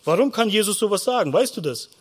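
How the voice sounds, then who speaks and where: Male pastor, high voice, playful storyteller in a children's service. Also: fast, breathy edge. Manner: animated storytelling, asks the children questions. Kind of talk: children's sermon.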